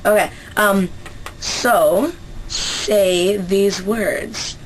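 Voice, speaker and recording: Speaking very slowly at medium pitch with fairly even intonation, this young woman from Central Canada chats with a Canadian accent in a casual dialect-survey vlog. Many fillers and restarts mark her hesitant speech, and the poor audio carries a little hiss or hum.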